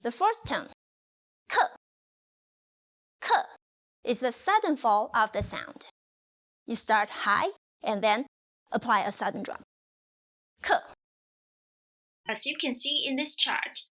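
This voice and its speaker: Woman, language teacher, slow and careful, bright, slightly high voice. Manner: slow, careful, demonstrative delivery. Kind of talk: scripted pronunciation lesson.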